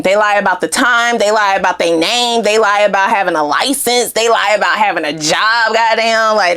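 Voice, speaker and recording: A woman giving a casual tarot reading, giggling often and swearing freely as she talks to her viewers. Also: mid-range voice. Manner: giggly, animated, frequent swearing. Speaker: tarot reader.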